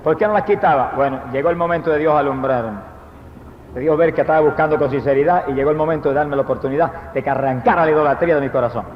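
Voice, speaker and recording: A fast-talking evangelist preacher from Puerto Rico, high-voiced, preaches a fervent testimony sermon, swinging between quiet, intimate telling and loud proclaiming. The old recording is dull and lo-fi, with long echo from a large hall and slight background noise.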